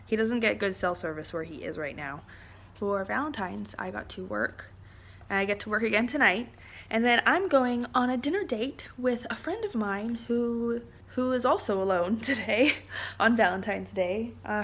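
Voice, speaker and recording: A woman's voice: medium pitch, normal speed. A young woman vlogging in a casual, rambling way, full of "like" and "um" as she chats to the camera. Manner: rambling, chatty, frequent "like" and "um". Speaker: vlogger, military spouse.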